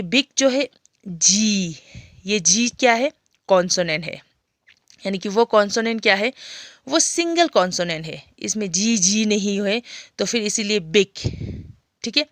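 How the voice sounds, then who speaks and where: Indian woman, schoolteacher, unhurried, methodical explainer, checks understanding. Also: medium pitch, sing-song, a bit bright, dry recording, clean studio sound. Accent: Indian English. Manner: explains step by step, often checking "clear?". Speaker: school English teacher. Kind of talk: classroom grammar lesson.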